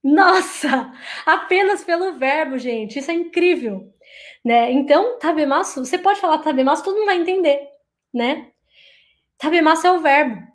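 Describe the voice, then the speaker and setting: High-voiced woman teaching Japanese. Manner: lively, repeats Japanese phrases slowly for learners to imitate. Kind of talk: online language lesson.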